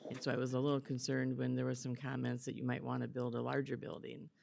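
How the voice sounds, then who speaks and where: A woman county commissioner asking questions and commenting at a public board meeting, measured and hesitant with fillers. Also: extremely low pitch, little pitch movement, gravelly, darkish tone.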